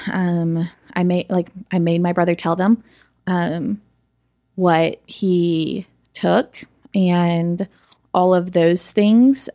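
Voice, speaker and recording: A woman speaks in a low, slightly gravelly voice, recorded close and dry. She tells a personal story to an interviewer, candid and reflective, with plenty of ums and likes. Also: darkish tone, no room sound. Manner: candid, reflective, with frequent fillers. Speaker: interview guest.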